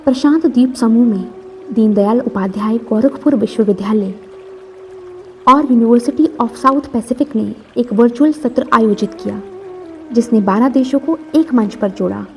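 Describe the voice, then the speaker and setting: A woman giving formal, measured scripted narration for a government podcast. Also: fairly high pitch, a little mellow, soft background music.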